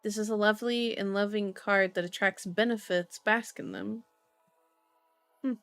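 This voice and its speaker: Over soft background music, a woman with a medium-pitched, slightly bright voice speaks at a normal speed with fairly even intonation and no echo. She's hosting a casual tarot and horoscope livestream, chatting, musing aloud, and reading cards, often drawing out her words.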